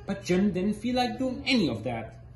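A man in his thirties reading a children's story aloud in an expressive, deliberate way in a living room. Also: high-pitched, faint music behind. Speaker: guest storybook reader. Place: small indoor living room. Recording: echoey living room, faint background noise.

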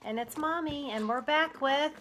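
A woman's voice: high voice, normal speed. A middle-aged woman co-hosting a casual family snack-tasting vlog as the mother, upbeat and reading snack notes aloud. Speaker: mother and co-host. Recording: loud background noise on a home video.

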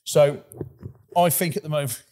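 A man's voice: on the high side, normal speed, darkish tone. Rambling male podcast host. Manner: rambling, repeats words when he starts a sentence; laughs often between lines. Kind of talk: casual podcast chat.

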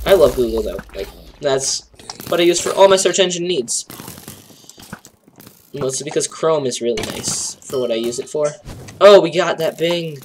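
A young man with a stuffy, nasal voice casually commentating a game, joking around and shouting bursts of excitement at the action. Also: fairly high pitch, slight background noise. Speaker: gameplay commentator. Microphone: home desk mic.

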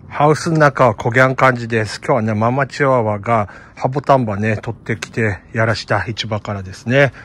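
A man's voice: mid-range voice, a little fast, hardly any pauses, a bit bright. A middle-aged man with a Kumamoto dialect, chatting casually in a plant vlog and laughing at himself. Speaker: plant shop owner.

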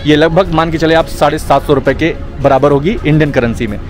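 Outdoors at a bustling railway station, a young man from India films himself at arm's length, chatting to viewers and addressing them as brother. He speaks fairly quickly in a voice on the high side, over crowd noise and background music.

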